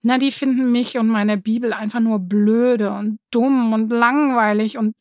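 A woman's voice: a little high, steady tone, unhurried, no room sound, clean studio sound, lightly acted. A woman voicing a shy, timid boy who talks hesitantly in a children's story. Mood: downcast. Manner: hesitant, quiet.

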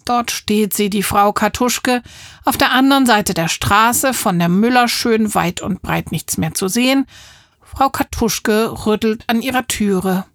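A woman narrating a children's audiobook in a lively way, voicing the characters. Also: mid-range voice, unhurried, no room sound, studio quality.

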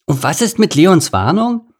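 A man's voice: fairly high pitch, very animated, unhurried, pitched above the performer's own voice, exaggerated voice. A man voicing a small, earnest young male ground squirrel who sounds a little unsure of himself.

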